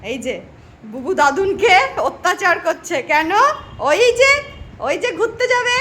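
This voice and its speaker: High, doting woman in baby talk. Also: sing-song, measured pace, a bit bright, a little hiss or hum. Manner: sing-song, doting, repeats phrases. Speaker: vlogger talking to her pet dog. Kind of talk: baby talk to a pet dog. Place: home.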